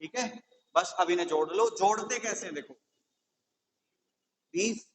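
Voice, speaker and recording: High-voiced maths tutor explaining patiently. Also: male voice, measured pace, poor audio. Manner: patient, step-by-step, checks with "theek hai". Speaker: maths tutor for exam coaching. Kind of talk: whiteboard maths lesson.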